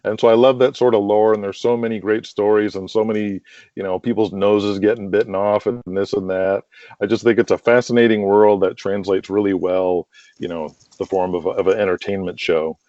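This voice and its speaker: The interviewee, a wrestling audio drama writer, goes on at length in a casual, rambling style full of "like" and "you know." His lowish, mellow voice runs a little fast in a steady tone, recorded over dull, lo-fi call audio with a roomy echo.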